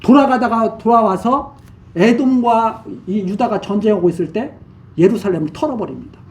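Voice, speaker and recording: A man's voice: sits high, normal speed, darkish tone, recorded from a distance. A man preaching a sermon, retelling scripture in plain everyday speech and acting out the kings' words. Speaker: pastor.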